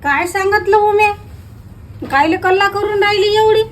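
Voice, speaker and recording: A woman's voice: extremely high pitch, moderate pace. A woman in a village comedy sketch, talking back in an indignant, argumentative way.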